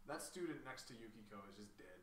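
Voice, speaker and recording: A man's voice: mid-range voice, fast. A man in the room bantering with a streamer, tossing in teasing remarks from away from the mic. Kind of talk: casual banter.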